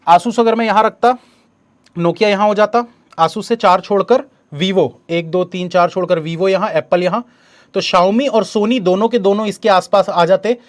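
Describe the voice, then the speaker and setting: A man, teaching an exam coaching lesson step by step and reading the questions slowly aloud. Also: sits high, steady tone.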